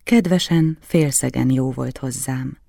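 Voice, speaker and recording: A man reading a literary novel aloud in a measured, quiet, reflective way, recorded close to the mic. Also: mid-range voice, vocal fry, dry recording. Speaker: audiobook narrator. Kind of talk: literary audiobook narration.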